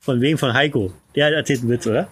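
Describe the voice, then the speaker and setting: A man's voice: mid-range voice, racing, a bit bright, slight background noise. A man co-hosting an outdoor podcast, rambling casually with many hesitations and restarts. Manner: rambling, lots of fillers and restarts. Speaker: podcast co-host and author. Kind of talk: casual chat. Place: outdoors on his own estate.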